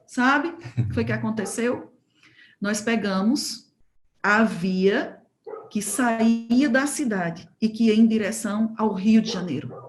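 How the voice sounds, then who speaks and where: A woman preaching at a church home group, telling a testimony as a lively story and acting out the dialogue. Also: a little high, takes it slowly, echoey room, a little hiss or hum. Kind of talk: sermon testimony told as a story.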